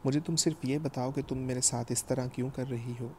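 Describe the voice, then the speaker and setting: A man's voice: medium pitch, fairly even intonation, darkish tone, slight background noise, close to an everyday voice. A man reading an earnest, pleading young husband. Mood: insistent.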